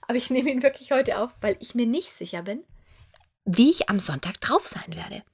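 A woman's voice: a little high, lively intonation, moderate pace, darkish tone, slightly rough. A woman hosting her own podcast in German, talking casually and expressively and acting out her own thoughts in quoted asides. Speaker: podcast host; photographer and coach. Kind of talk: casual solo podcast monologue.

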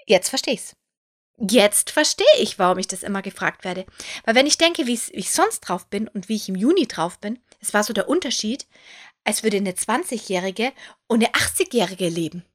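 A woman's voice: mid-range voice, lively intonation, normal speed. A woman hosting her own podcast in German, talking casually and expressively and acting out her own thoughts in quoted asides. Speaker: podcast host; photographer and coach. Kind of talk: casual solo podcast monologue.

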